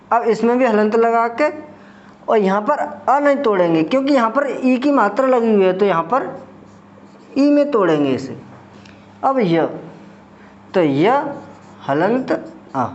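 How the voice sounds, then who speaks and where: A man with a high voice teaches a grammar lesson at an unhurried pace. He walks through each step slowly and poses questions to the viewer before answering them himself. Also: muffled recording. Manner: slow, step-by-step explaining, asks and answers own questions. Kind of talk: exam-prep grammar lesson.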